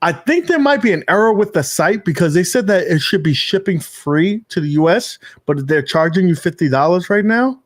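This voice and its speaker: A man hosting a gaming podcast in casual chat, rambling and animated, with casual swearing. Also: high voice, normal speed, hardly any pauses. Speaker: podcast host.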